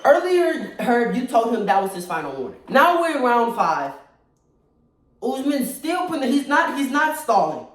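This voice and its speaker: A combat sports commentator gives casual, opinionated fight analysis, stressing and repeating points at normal speed. Their voice is medium-pitched with big pitch swings. They're recorded far from the mic in a very echoey room, with a faint crowd audible.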